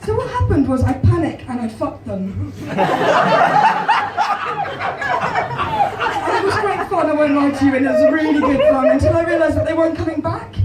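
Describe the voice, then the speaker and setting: With long pauses and a slow pace, a high-voiced English woman in her twenties delivers deadpan, self-deprecating stand-up in a hoarse, croaky voice. The very noisy crowd and its laughter swamp the small comedy club. She holds a stage mic, recorded from far back in the echoey room.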